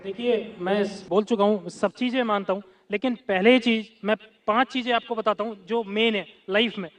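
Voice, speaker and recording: Professor guy w a high voice answering questions, says right a lot, calm explaining. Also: normal speed. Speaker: professor in the audience.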